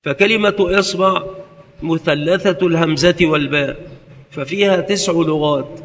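Methodical male teacher, slightly high voice. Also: normal speed, fairly bright tone. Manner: methodical, lists word forms one by one. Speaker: religious teacher. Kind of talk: scholarly lesson on hadith and grammar. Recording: long reverberant echo.

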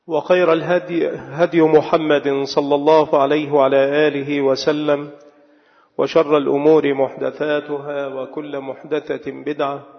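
A man preaching a sermon with a raised, gravelly voice and a measured, dictating delivery. His voice rings through a long hall echo, and the sound is dull and muffled. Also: a little high, little pitch movement. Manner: measured, dictating slowly with repeated words for note-taking.

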